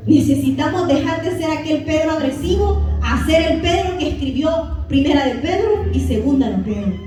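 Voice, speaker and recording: A woman's voice: high-pitched, mellow. Woman preaching in an echoey church. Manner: storytelling, addresses congregation as brothers. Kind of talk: Spanish-language sermon. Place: church sanctuary. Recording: echoey church hall from far off, faint music.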